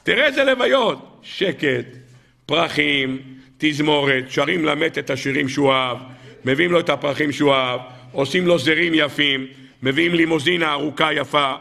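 Gravelly, bright-voiced rabbi preaching. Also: male voice, a little high, steady tone. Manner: dramatic storytelling preacher, rises to loud exclamations. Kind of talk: weekly Torah sermon.

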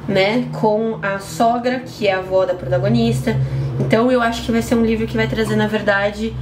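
A woman's voice: on the high side, fairly even intonation, moderate pace. A young woman with a Brazilian Portuguese accent, chatting to camera as a book vlogger while she trims plants on an apartment balcony. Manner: chatty, trimming pepper plants while talking. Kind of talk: casual chat to camera. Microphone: camera at close range. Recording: roomy echo, faint background noise.

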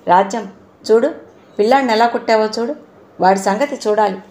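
A woman voicing a husband who has long been mute, calling softly and tenderly, read in a storytelling voice. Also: a little high, fairly quick, close to an everyday voice. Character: husband, long mute, now gentle and stern.

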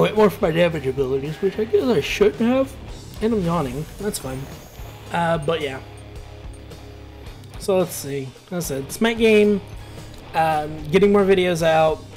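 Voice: mid-range voice, a little slow, long pauses, darkish tone, soft background music. A gameplay commentator talking casually over a match, rambling and ranting with plenty of filler words. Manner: rambling, ranty, laid-back with filler words.

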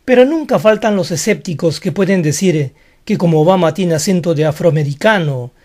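Male teacher with a raised pitch, conversational and explanatory delivery. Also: a little mellow. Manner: chatty, explains with a skeptical aside. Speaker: language teacher. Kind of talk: explanatory video lesson.

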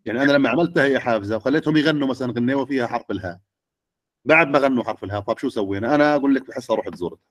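A man's voice: medium pitch, very fast, no room sound. A middle-aged man, lecturing teachers and often checking with the audience. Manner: questioning the audience.

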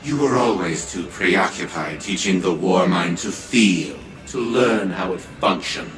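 A man's voice: sits low, expressive, a little slow. An actor voicing an arrogant, condescending older male scientist and family patriarch in a game cutscene, with a smug, drawling delivery. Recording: game dialogue over loud music. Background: music.

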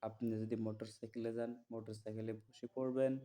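A man teaching listeners to memorize prayers, chanting each word slowly and repeating it, then explaining plainly and checking that they follow. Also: on the low side, flat delivery, warm tone. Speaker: religious teacher.

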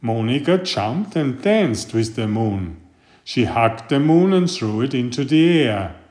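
A man with a mid-range voice, who is both a storybook reader and author, reads a children's picture book aloud in a deliberate, expressive storytelling style.

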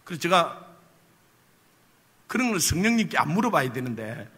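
A man's voice: a little high, very animated, normal speed, bright, forceful tone, slightly rough. A male pastor preaching a sermon, telling a personal story with humor and tossing rhetorical questions to the congregation. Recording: long reverb of a church hall.

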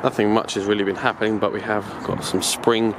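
A man's voice: fairly low pitch, fairly quick. A man giving a chatty, rambling walking tour of his allotment, filming it himself on a handheld camera outdoors. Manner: rambling, chatty, self-correcting. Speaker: allotment vlogger. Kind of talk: casual walking tour narration. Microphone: handheld camera mic, filming from own view. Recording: outdoor camera audio with steady background noise.

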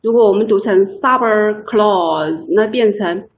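A woman's voice: medium pitch, steady tone, moderate pace, a little hiss or hum. A woman teaching an online English lesson, patiently explaining and repeating words for her students. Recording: tinny online call audio.

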